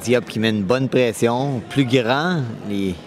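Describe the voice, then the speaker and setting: A man's voice: mid-range voice, takes it slowly. A man with a Quebec French accent giving casual live boxing analysis, often repeating words as he searches for the next one. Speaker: boxing commentator. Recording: crowd noise at live event. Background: crowd.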